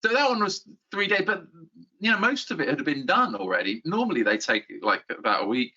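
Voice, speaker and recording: Middle-aged man, bright, forceful voice, rambling self-deprecating chat over a dull lo-fi line. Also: on the high side, very animated, fairly quick, breathy edge. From England. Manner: rambling, self-deprecating, with frequent restarts and chuckles. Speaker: YouTube guide host, interview guest. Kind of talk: casual interview chat.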